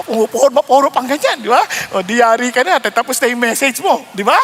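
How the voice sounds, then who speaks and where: Lively Filipino pastor preaching playfully. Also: male voice, extremely high pitch, a little fast, slight background noise. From Philippines. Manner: playful, laughs often, acts out quarrels in swooping voices. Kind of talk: animated Taglish sermon.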